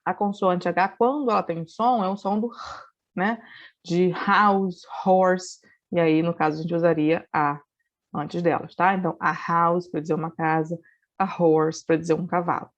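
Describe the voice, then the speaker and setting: A woman's voice: fairly low pitch, steady tone, moderate pace. A woman teacher explaining English grammar in a patient, step-by-step way, often checking in with the class. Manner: patient explaining with frequent "né?" and "então". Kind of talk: recorded online class. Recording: dull lo-fi recording.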